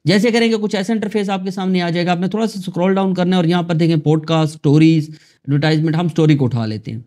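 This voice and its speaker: A man from Pakistan hosting a screen-recorded software tutorial, talking chattily to his viewers. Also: high voice. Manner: chatty, addresses viewers as "janab" and "dosto". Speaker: tutorial host.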